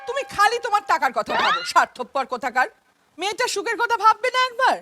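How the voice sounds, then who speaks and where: A woman's voice: very high-pitched, big pitch swings, quick pace, over music. An actress playing an anxious, tearful mother of the bride who pleads and whines at her husband, with a Kolkata Bengali accent. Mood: tearful scolding. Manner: pleading, whiny, near tears. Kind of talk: theatre play reading.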